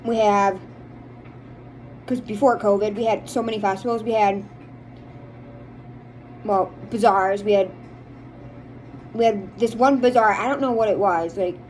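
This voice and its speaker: A woman's voice: medium pitch, steady tone, a little slow, pauses often, a little mellow, a little hiss or hum. An American woman chatting casually to viewers in a rambling, opinionated way, as a vlogger does. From United States. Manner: rambling, chatty, emphatic about likes and dislikes. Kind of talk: casual chit-chat to viewers.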